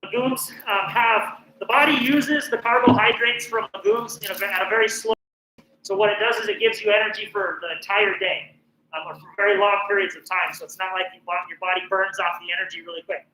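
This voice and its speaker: A man's voice: high-pitched, steady tone, brisk, bright, forceful tone, reverberant, slight background noise, low-quality recording. A middle-aged man from northern New Mexico, a professional chef giving a chatty, encouraging cooking class with plenty of "um" fillers. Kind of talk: casual cooking presentation.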